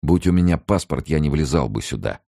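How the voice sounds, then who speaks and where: A stoic, weary young refugee, read by a male audiobook narrator, speaking in short, cold, restrained lines. The voice is deep and gravelly, close and dry. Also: lively intonation, a little fast, dark tone, no echo, full character voice. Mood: tense. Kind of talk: audiobook character voice.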